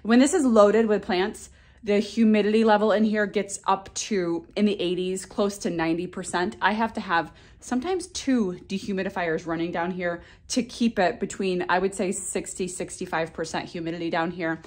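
A woman's voice: medium pitch, fairly even intonation, moderate pace, darkish tone. A woman in her thirties, a flower farmer, chatting enthusiastically in a casual vlog from her basement seed-starting room on a handheld phone camera.

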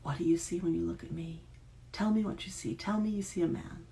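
A woman's voice: on the low side, fairly even intonation, fairly quick, vocal fry, dark tone, slight background noise. A woman reading the part of a grieving, broken young man who pleads through tears. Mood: desperate.

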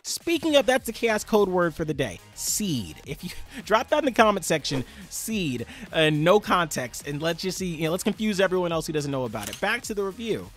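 Guy doing a casual manga review, kinda high voice, bouncing all over, chatty, says y'all a lot. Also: a little fast, soft background music. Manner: animated and chatty, addresses viewers as y'all. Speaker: manga review channel host.

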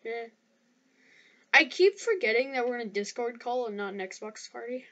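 A young woman gaming YouTuber chats casually during gameplay, hesitating and restarting her sentences. Her voice is a little high, animated and a bit bright, at a normal speed.

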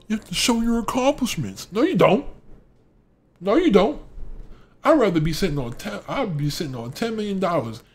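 A young man ranting casually to camera, preachy, repeating phrases and acting out other people's voices. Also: on the high side. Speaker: vlogger giving life advice.

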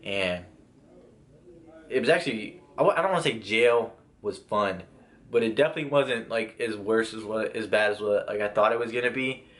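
A man's voice: lowish voice, normal speed, fairly bright tone. A young man casually telling a personal story, rambling with restarts and lots of filler words. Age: young adult. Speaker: vlogger.

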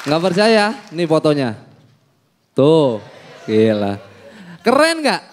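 A young man performing an animated stand-up comedy set on stage, acting out the people in his stories. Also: fairly high pitch, slow pace, a crowd in the background, background noise. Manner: animated storytelling, acts out quoted people. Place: on a comedy stage before an audience.

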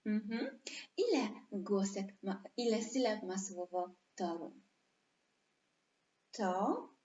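A woman's voice: medium pitch, lively intonation, mellow, lo-fi sound. A woman teaching an online lesson to young children, stretching out words for them to repeat. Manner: slow, drawn-out syllables for children to repeat. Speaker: preschool teacher. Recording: echoey room.

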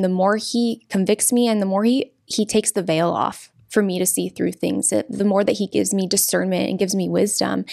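A young woman with a medium-pitched, gravelly voice is a pro-life activist guest on a podcast interview, talking earnestly and emphatically about her faith. She sits close to a desk podcast mic on a boom arm in a studio with green curtains.

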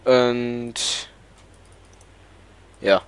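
A man's voice: medium pitch, steady tone, very slow, clean tone, dry recording. A man with a German accent, a native German speaker, hosting a casual multiplayer gaming chat and searching for words in English. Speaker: server owner and let's-play host.

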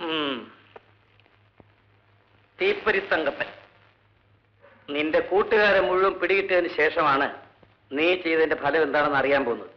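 A man's voice: on the high side, moderate pace, pauses often, close to an everyday voice. A man playing a stern police officer. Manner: stern, lecturing. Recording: dull old film soundtrack.

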